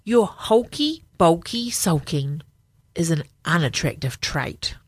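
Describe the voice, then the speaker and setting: A woman's voice: low voice, expressive, takes it slowly, slightly rough, no echo, full character voice. A woman doing a blunt, straight-talking octopus. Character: blunt male octopus with eight arms.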